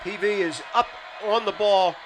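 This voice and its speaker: A man calling live high school football play-by-play in measured calls that rise for big plays. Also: fairly bright tone. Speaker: play-by-play announcer. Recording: outdoor broadcast with crowd and noise.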